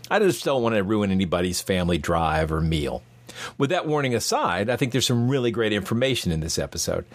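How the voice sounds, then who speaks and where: Guy hosting a science podcast, curious and bright delivery, lowish voice, really animated, articulate. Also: fairly quick. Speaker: podcast host. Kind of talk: scripted narration and show introduction.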